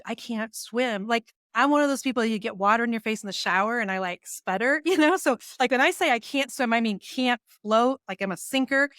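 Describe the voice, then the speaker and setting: A medium-pitched woman in her forties, an author and business coach, shares stories casually in a podcast interview. She's animated, acting out her own inner dialogue with laughs, and the recording is dry and studio-clean.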